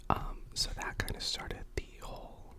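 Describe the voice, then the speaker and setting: A young adult with an American accent tells casual, self-effacing personal stories in an ASMR mukbang whisper, chewing while talking between bites. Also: unhurried. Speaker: video creator and actor.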